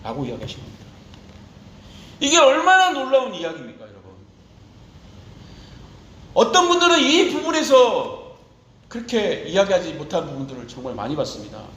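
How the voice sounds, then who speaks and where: A man's voice: sits high, big pitch swings, moderate pace, long pauses, a bit bright, roomy sound, a little hiss or hum, low-quality recording. A man preaching a sermon as pastor, impassioned, shifting into tender quoted speech.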